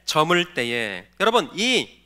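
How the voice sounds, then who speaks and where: A man's voice: fairly high pitch, big pitch swings, slow pace, sharp tone, clean tone. A male pastor giving a sermon, posing questions to the congregation and answering them, and calling for the next slide. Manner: directs the slide operator between points.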